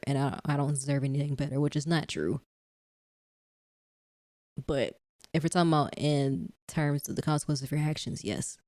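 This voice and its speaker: A woman's voice: low-pitched, a little mellow, no room sound, studio quality. Chatty woman playing through a story game. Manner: casual, chatty, slangy asides between read lines. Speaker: let's-play host. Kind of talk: reading and reacting to a visual novel.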